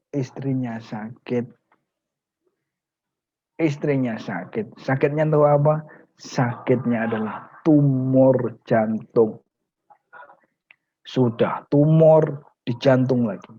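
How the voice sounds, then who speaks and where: A man's voice: medium pitch, very slow, long pauses, warm tone, lo-fi sound, a little hiss or hum. A man preaching in a storytelling sermon, acting out the people in his stories.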